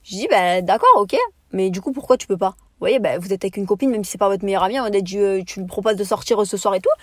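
Fast-talking indignant young woman. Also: medium pitch, no room sound, clean studio sound. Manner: animated, indignant storytelling with slangy asides. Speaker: podcast host. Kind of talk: casual storytime monologue.

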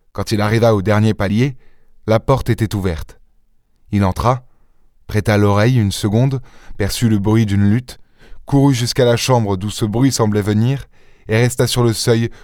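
A man narrating an audiobook in a measured, even storytelling manner. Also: lowish voice, no echo, studio quality. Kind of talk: scripted narration.

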